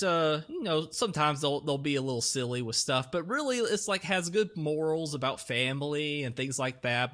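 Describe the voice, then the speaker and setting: A man's voice: mid-range voice, a bit bright. A young man hosting a casual podcast, rambling with lots of fillers and laughing often. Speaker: podcast host. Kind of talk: casual chat.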